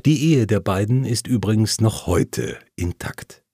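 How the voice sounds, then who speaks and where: A man reading a first-person memoir aloud, telling the story calmly and plainly while voicing the quoted lines. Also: fairly low pitch, a little slow, breathy edge, no echo, clean studio sound. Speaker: audiobook narrator.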